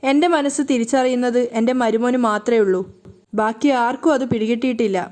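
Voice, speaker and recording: Woman voicing a sorrowful, bitter mother, high-pitched. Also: steady tone, a little fast, a little mellow, close to an everyday voice. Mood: sad. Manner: sad, bitter. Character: grieving bitter middle-aged mother.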